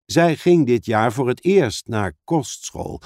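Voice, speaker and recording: A man narrating a children's fantasy audiobook with expressive storytelling. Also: mid-range voice, slow, no room sound, studio quality.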